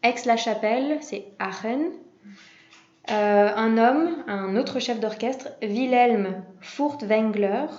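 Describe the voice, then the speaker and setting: A woman giving a prepared practice speech to interpreters, relaxed and conversational, with frequent hesitations. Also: on the high side, slow, echoey room, highs cut off, slight background noise.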